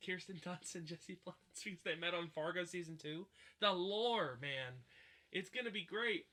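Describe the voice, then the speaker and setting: A young man co-hosting a casual podcast chat, joking and cutting in with quick asides. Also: sits high, pushed and bright. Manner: joking, talks over others with quick asides. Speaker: podcast co-host.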